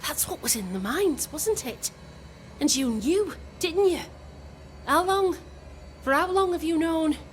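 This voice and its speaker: A bereaved woman in a game drama, high in pitch and openly accusatory. Her delivery is emotional and confrontational, with faint noise around it. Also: expressive, measured pace. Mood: accusing. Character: grieving, accusing widow leading a mutiny. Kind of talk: dramatic video game acting.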